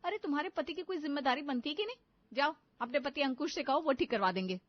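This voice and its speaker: A woman voicing a sharp-tongued young wife in an animated story, who talks in a complaining, quarrelsome way. The sound is dull and lo-fi. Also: high voice, fast, dry recording. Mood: arguing.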